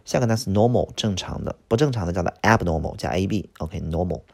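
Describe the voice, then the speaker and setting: A man teaching English vocabulary in a recorded lesson, explaining each word with quick example sentences and frequent "OK" fillers. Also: deep voice, lively intonation, creaky, warm tone.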